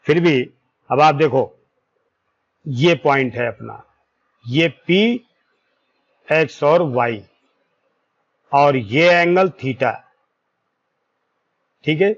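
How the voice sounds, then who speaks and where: A man with a somewhat high voice works through a maths lesson at a very slow, deliberate pace. He draws out each formula term and keeps pausing to check that his students follow. The recording is dull and lo-fi. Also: animated, vocal fry. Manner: slow, deliberate explaining, stretching out formula terms, checks in with "ठीक है"; corrects himself aloud mid-formula. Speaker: maths teacher. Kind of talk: whiteboard lesson.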